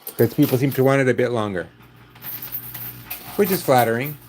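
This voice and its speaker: A man's voice: mid-range voice, a little fast, background noise. An older man hosting a casual live stream, chatting to viewers with dry, wisecracking asides.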